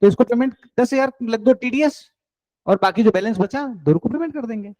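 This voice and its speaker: A man's voice: extremely high pitch, brisk, mellow, dry recording, dull audio. A man teaching an accounts class, coaxing and encouraging his students and mixing in English terms.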